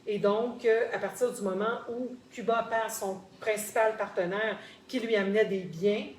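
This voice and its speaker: In a roomy-sounding recording with faint background noise, a Québécoise guest from Quebec, Canada, tells stories from her own life during a group discussion. She speaks at normal speed in a steady, mid-range voice, explaining articulately and repeating words to stress them.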